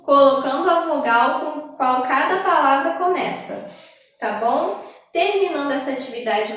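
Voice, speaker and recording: A young woman preschool teacher with a Brazilian Portuguese accent, patiently talking young children through a recorded video lesson in a slow, sing-song way. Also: sits high. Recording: echoey room, voice distant from mic.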